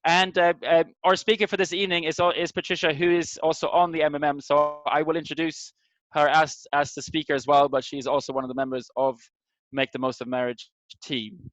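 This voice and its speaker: A middle-aged Swedish man hosts an online community get-together informally, pausing to find words as he welcomes attendees and introduces them on a video call. He speaks fairly quickly in a slightly high, level, somewhat bright voice with no room sound, via a video call mic that gives dull, lo-fi audio.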